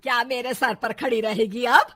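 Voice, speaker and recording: A woman voicing a bossy middle-aged mother-in-law in a cartoon story, loud and scolding with slow sarcasm. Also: fairly high pitch, steady tone. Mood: furious.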